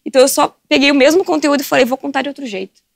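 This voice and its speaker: A woman chats as a podcast guest, telling stories quickly and with a lot of energy. Her voice sits slightly high, and she laughs often. The sound is dry and close. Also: creaky, no echo. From southern Brazil. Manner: animated storyteller, laughs often. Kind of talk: casual podcast chat.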